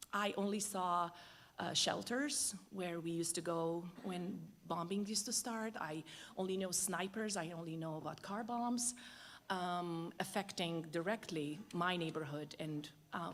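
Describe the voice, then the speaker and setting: A woman from Lebanon, a singer, speaking reflectively at a concert and pausing often with fillers before she sings. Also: on the low side. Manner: reflective, halting with many fillers. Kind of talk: spoken introduction at a concert.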